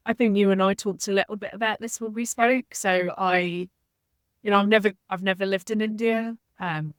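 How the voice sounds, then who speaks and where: A podcast guest from Zambia, a woman who leads social impact work, speaks reflectively and candidly in an interview. Her voice is medium-pitched, and there's no room sound.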